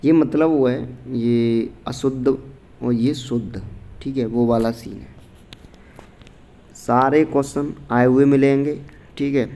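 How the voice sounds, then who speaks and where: A man's voice: mid-range voice, steady tone, slow, long pauses, dark tone. A man teaching a casual exam-prep grammar lesson, talking informally to students, going through answer options and checking often that they follow. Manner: informal, repeats "theek hai" often, reads out answer options.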